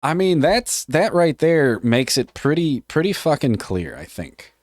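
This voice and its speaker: A man's voice: a little high, sing-song, unhurried, no room sound, studio quality. A man streaming live, reading a policy aloud and joking casually with his chat, often swearing. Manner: joking, offhand, swears freely.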